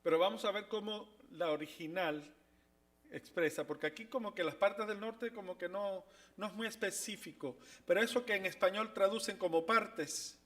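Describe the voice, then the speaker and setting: A man teaching a Bible study class, talking haltingly with many fillers and restarts and asking the class questions. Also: sits high, fairly bright tone.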